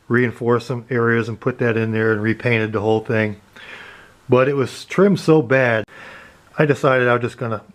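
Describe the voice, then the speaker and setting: Rambling man touring his basement workshop. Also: mid-range voice. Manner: rambling, self-correcting, matter-of-fact. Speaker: RC plane hobbyist. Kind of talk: casual workshop tour.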